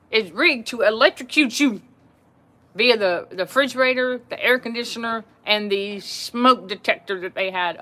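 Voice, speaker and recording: Hosting a livestream, a woman chats animatedly with her viewers, laughing a lot and repeating phrases in this casual talk. Her medium-pitched voice is pushed and bright, the kind that carries.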